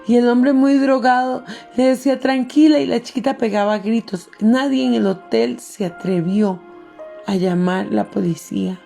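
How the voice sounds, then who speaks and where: A middle-aged woman pastor tells a story from the pulpit in an earnest tone. Her voice sits a little high but sounds mellow and gravelly. Soft music plays faintly behind her. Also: normal speed. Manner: earnest storytelling, addresses listeners as beloved. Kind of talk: sermon with personal story.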